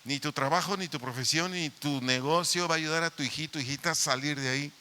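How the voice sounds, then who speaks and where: A man's voice: on the high side, brisk, sharp tone, clean tone. A man preaching a sermon as pastor, emphatic and repeatedly addressing the parents directly. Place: church meeting hall.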